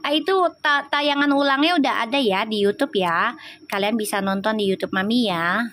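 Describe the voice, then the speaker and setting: A woman's voice: fairly high pitch, normal speed, fairly bright tone, a little hiss or hum. A woman giving a chatty live-stream tarot reading, reassuring viewers and adding affectionate, preachy asides. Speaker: tarot reader.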